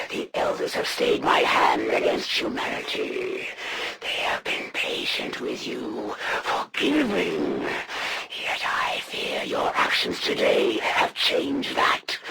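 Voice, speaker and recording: A haughty alien assassin from a video game, zealous and menacing. Her delivery is slow and imperious, with a heavy gravelly rasp and wildly swooping theatrical pitch. Noticeable ambience sits behind the voice. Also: very noisy, full character voice. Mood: cold warning. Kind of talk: dramatic video game villain voice lines.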